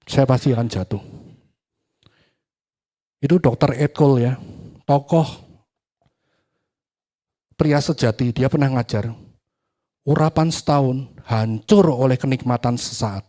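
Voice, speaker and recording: Dark-voiced male preacher telling a story. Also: medium pitch, measured pace, long pauses. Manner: animated storytelling, acts out dialogue, swings from loud to hushed. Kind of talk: sermon with personal testimony.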